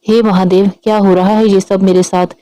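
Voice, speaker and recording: A shy young woman, hesitant and easily flustered, stumbling over her words, as a woman narrator puts her on in a storybook. Her voice is mellow and warm at a middle pitch. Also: level tone, normal speed, no echo, close to an everyday voice, poor audio. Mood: troubled.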